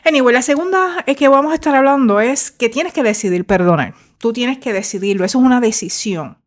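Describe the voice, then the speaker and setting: A woman's voice: a little high, expressive, fairly quick. Middle-aged woman talking faith and healing, chatty, drops english fillers in. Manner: warm, conversational, mixes English fillers into Spanish. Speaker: podcast host, former therapist. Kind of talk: faith-based motivational talk.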